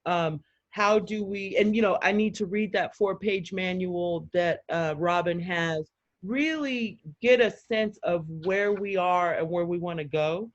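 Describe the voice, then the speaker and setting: Energized woman on a muffled video call. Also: on the low side. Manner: energized, talks fast with many fillers and quoted voices. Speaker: community organizer in a video call. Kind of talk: excited casual chat.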